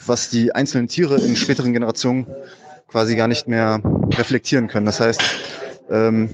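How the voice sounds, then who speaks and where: A man who is a biology teacher talks casually in a loose, rambling way with many fillers, a bit frazzled. He speaks from the gym on a low quality sound recording. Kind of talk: casual spoken comment, explaining science. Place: at a gym, doing sport. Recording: poor quality recording with loud crowd noise behind.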